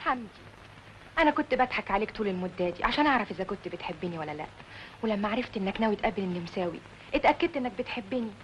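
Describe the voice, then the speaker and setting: An actress with an Egyptian accent playing an exasperated, pleading sweetheart in classic film comedy style, insistent and dramatic. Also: female voice, medium pitch, animated, racing, a little hiss or hum, close to an everyday voice, rough recording. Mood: coaxing.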